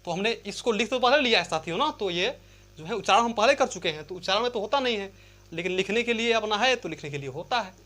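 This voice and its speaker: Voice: medium pitch, lively intonation, fast talker, a bit bright. A Hindi grammar teacher giving an exam-prep lesson from a chart, repeating points, asking and answering their own questions, and stretching out vowel sounds to demonstrate them. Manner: repetitive, asks and answers own questions, addresses listeners as friends.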